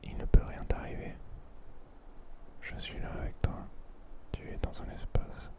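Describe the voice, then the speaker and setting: An ASMR host whispering right up against the microphone in a hushed, soothing, repetitive manner, as if guiding someone to sleep. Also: unhurried. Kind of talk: whispered French ASMR, slow guided sleep relaxation. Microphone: very close to the microphone.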